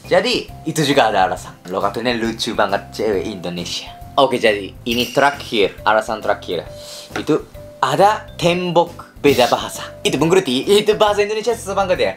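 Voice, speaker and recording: A man's voice: medium pitch, big pitch swings, brisk, soft background music. A young man from Kansai in Japan with a Japanese accent, chatting playfully to camera and slipping in Japanese particles. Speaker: vlogger. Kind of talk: casual chat to camera.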